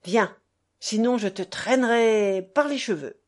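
A woman reading the part of a stern old grandfather who gives solemn, forceful orders. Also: a little high, big pitch swings, a little slow. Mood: solemn commanding. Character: stern old grandfather, commanding then pleading.

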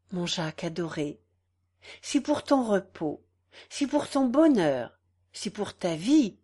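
A woman voicing a devoted young wife who speaks softly and tenderly in a read-aloud story. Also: a little high. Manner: tender, caressing, imploring.

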